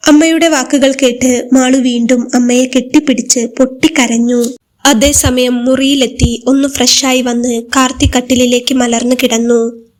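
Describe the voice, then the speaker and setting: A woman storyteller giving a steady, scripted narration of a love story. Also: a little high.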